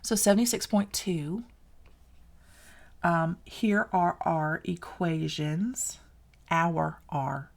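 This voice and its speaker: Taking it slowly in a lowish, gravelly voice, a woman with a Southern US accent teaches algebra in a casual recorded lesson. The math teacher is chatty and encouraging and corrects herself as she works.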